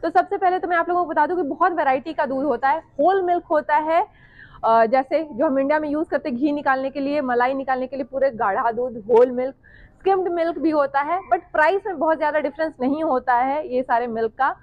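A woman's voice: sits high, a little fast, no echo, lo-fi sound. A woman in her thirties chattily explaining grocery prices to the camera as a vlogger, recorded with a clip-on mic. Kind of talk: casual vlog narration. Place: large supermarket, indoors.

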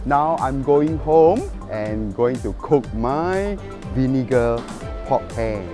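A man's voice: mid-range voice, slow pace, soft background music. Chatty man cooking at home. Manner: switches between English and Mandarin, chatty and excitable. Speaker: cooking show host. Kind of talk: casual cooking demonstration. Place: outdoor market, then home kitchen. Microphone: lapel mic.

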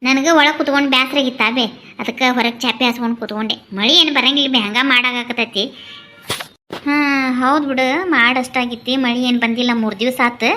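Bright high-voiced woman with North Karnataka accent. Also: fairly even intonation, brisk, a little hiss or hum. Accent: North Karnataka Kannada. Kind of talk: cartoon voice acting, village gossip.

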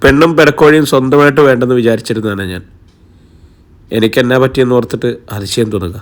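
A man reading an audiobook, voicing a rough man who has grown tender, speaking low and subdued. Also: fast, close to an everyday voice. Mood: reflective. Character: rough but softening man, a former tough.

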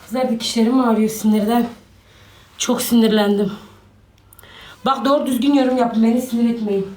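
A high-pitched woman rants to her viewers on a live stream, exasperated and repetitive, with sighs between her lines. Her voice rings around an echoey room. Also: fairly even intonation, normal speed, a little mellow. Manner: exasperated, repeats herself, sighing interjections. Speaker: social media personality on a live stream.

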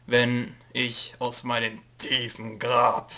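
Slow, monotone and mid-range, this young man's voice comes out pushed and bright, colored by a cold. As a let's player on YouTube, he rambles through a casual channel-update info video, reading from a note, hesitating, joking, and using many fillers.

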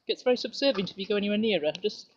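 A middle-aged woman chats her way around her back garden while filming on a handheld camera. Her talk is relaxed and cheerful, a casual home tour. The audio is dull and lo-fi, with steady background noise over the outdoor sound. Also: mid-range voice, racing. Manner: chatty, relaxed, cheerful narration while walking. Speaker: home video maker. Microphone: handheld camera mic.

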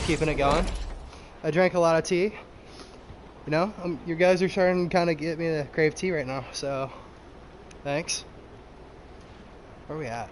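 Rambling young man streaming, noisy audio. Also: fairly high pitch. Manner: rambling, addresses chat, many fillers. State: out of breath. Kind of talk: casual live-stream chat. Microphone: headset.

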